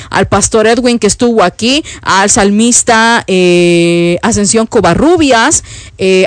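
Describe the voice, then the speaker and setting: A woman's voice: fairly high pitch, no room sound. A Salvadoran woman in her fifties, a church worship leader chatting affectionately on a live stream, reading out viewers' comments and laughing often. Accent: Salvadoran Spanish. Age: 50s. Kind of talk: casual live-stream chat.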